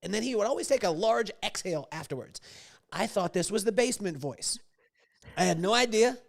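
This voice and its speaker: A man's voice: sits high, lively intonation, fairly quick, creaky. A man hosting a podcast interview, talking loosely, telling stories and restarting his questions. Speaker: podcast host. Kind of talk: casual interview chat.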